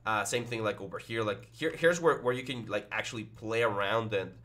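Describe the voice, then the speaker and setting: A man's voice: fairly low pitch, a little fast, a bit bright. A young man with a headset teaching 3D modeling over a screen recording, thinking aloud with lots of fillers and restarts. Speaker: 3D modeling instructor. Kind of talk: screen-recorded software tutorial.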